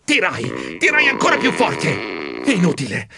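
A man narrating a children's audiobook in the first person, animated and expressive. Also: on the high side, measured pace, gravelly, music in the background.

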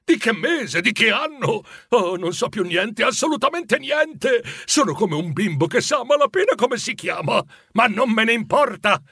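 A man voicing a joyful, excitable old miser in a storybook reading, his voice high and exclaiming. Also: moderate pace, gravelly, few pauses, breathy edge, no echo, clean studio sound, heavily acted. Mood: giddy.

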